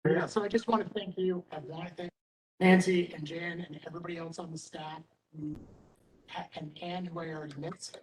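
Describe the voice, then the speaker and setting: A man's voice: on the high side, steady tone, brisk. A library director speaks at a meeting on a video call. He sounds eager and chatty, and his phrases often break off. He is heard from some distance away, with a faint hiss of noise under his voice. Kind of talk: meeting discussion.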